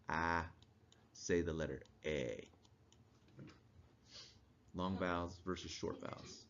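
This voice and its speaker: Man lecturing casually, lower-pitched voice. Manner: casual, quizzes the class, chuckles. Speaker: instructor. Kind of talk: classroom lecture. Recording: dull lo-fi recording.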